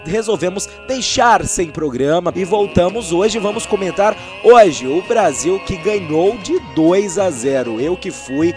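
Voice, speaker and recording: Brazilian radio host, highish, hungover-sounding male voice. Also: animated, a little slow, hardly any pauses, music in the background. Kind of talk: sports radio presenting.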